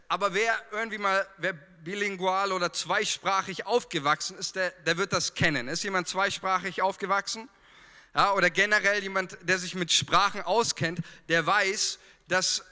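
A Franconian man with a high voice preaches a lively sermon in his regional German accent, speaking directly to his congregation with fillers and humor. The sound has the feel of a big room.

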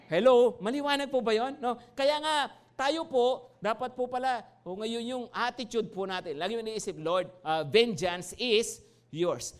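A man's voice: sits high, clean tone. A Filipino man preaching a sermon as pastor, joking and calling out to the congregation. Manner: humorous, calls out to the congregation.

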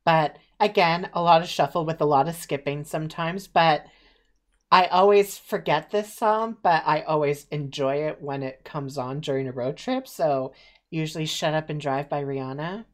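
A young Eastern Ontario woman with a low voice talks at normal speed. Casually chatting, she tells stories animatedly and leans on lots of fillers.

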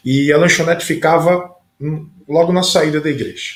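Pastor host telling folksy church stories, echoey room. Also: male voice, on the high side, steady tone, normal speed. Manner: folksy anecdotal storyteller. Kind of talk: casual podcast conversation. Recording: roomy echoey sound.

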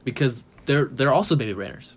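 A man's voice: mid-range voice, lively intonation, fairly quick, breathy edge. A young man co-hosting a podcast in casual, jokey chat, laughing often. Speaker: podcast co-host.

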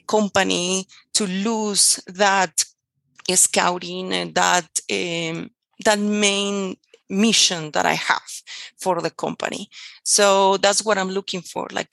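Peruvian-accented woman with a creaky voice. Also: medium pitch, fairly bright tone, dry recording. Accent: Peruvian Spanish. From Peru. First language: Spanish. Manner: enthusiastic, frequent "like" fillers. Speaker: guest, tour company owner. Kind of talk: casual interview chat.

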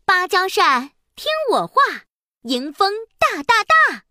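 A woman's voice: high voice, huge pitch swings, a little slow, sharp tone, no echo, studio quality, exaggerated voice. A woman voicing a haughty, bratty young princess in a children's storybook, huffy and scolding.

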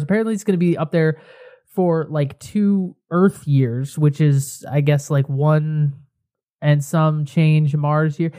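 A man's voice: on the high side, mellow. Male podcast co-host, tipsy, casual and rambling, joking his way along. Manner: rambling, jokey, many fillers. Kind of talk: casual chat.

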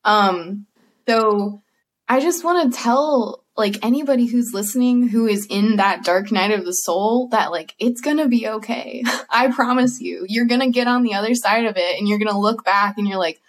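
A woman's voice: mid-range voice, normal speed. A woman, a guest energy healer on a video call, speaking earnestly about spirituality in casual chat and laughing often.

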